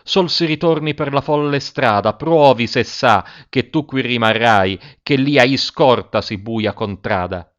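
A man's voice: mid-range voice, measured pace, hardly any pauses, fairly bright tone, close to an everyday voice. A man reading as scornful fallen angels. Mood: disdainful. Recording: dull lo-fi recording.

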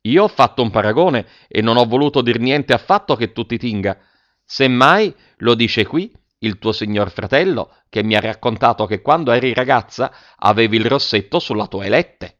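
A man's voice: medium pitch, expressive, normal speed, a bit bright, dry recording, highs cut off, lightly acted. A man reading aloud and voicing an indignant, pompous middle-aged woman with theatrical outrage.

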